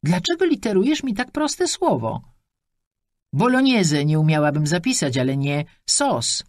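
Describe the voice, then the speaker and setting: Eccentric old woman, voiced by a female reader, brisk, matter-of-fact, lively tone. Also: on the low side, no echo, studio quality, pitched above the performer's own voice.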